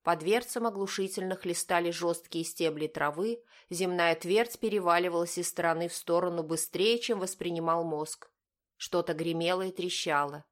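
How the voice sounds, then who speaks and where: Lowish female audiobook narrator. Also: moderate pace. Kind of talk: scripted narration.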